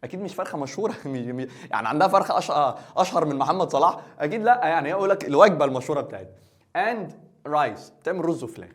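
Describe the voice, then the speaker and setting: A man teaching English in Egyptian Arabic, joking as he translates and quizzes the student. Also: on the high side. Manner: quick, joking, asks the student questions. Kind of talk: playful exam-review lesson.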